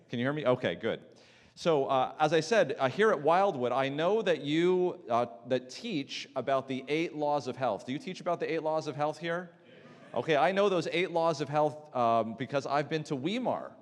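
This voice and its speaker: A physician giving a conversational health lecture to a church audience, asking the room questions and often restarting his sentences. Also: mid-range voice. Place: church hall before an audience. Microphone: handheld mic, battery swapped. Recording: long hall reverb.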